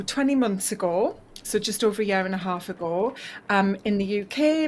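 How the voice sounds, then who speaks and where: Heard over a video call mic with slight background noise, this woman's medium-pitched voice carries a Northeast English accent from her home region of northeast England. As a health coach guest in a casual interview, she speaks earnestly and thoughtfully and frequently drops in "you know."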